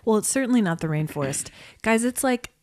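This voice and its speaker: A woman co-hosting a casual podcast chat, talkative and expressive, laughing often. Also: a little high, brisk, no echo, clean studio sound. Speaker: podcast co-host.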